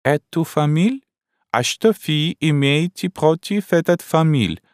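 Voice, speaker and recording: A man's voice: expressive, takes it slowly, dry recording, clean studio sound. A man voicing an indignant eighty-two-year-old Frenchwoman who speaks broken, foreign-sounding grammar. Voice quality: high, shrill.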